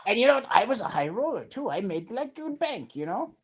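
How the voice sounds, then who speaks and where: A podcast host putting on the voice of a boastful middle-aged man who used to be a high roller, gruff and mumbling. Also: very animated, fairly quick, exaggerated voice. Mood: grumbling.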